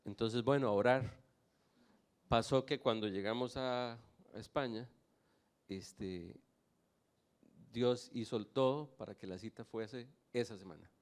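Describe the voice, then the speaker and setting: A man's voice: mid-range voice, measured pace, pauses often. A man from Nicaragua telling his personal faith testimony to a church audience, with lightly humorous anecdotes. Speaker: guest giving a testimony.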